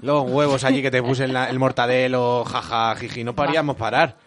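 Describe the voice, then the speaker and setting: A man's voice: steady tone, brisk, a little hiss or hum. A man co-hosting a casual podcast, joking, swearing and playing with his voice. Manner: jokey, swearing, shifting pitch and loudness. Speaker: podcast co-host.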